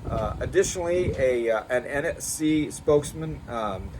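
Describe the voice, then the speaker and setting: An American man co-hosting a casual political chat outdoors, speaking haltingly in an incredulous, sarcastic way. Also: medium pitch, lively intonation, darkish tone. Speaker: co-host of a political commentary show. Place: outdoors in a backyard. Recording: clear background noise, outdoor backyard ambience.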